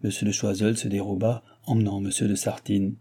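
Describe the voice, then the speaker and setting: Man reading a novel in a dark husky voice. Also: on the low side. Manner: measured, expressive reading. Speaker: audiobook reader. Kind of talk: scripted narration.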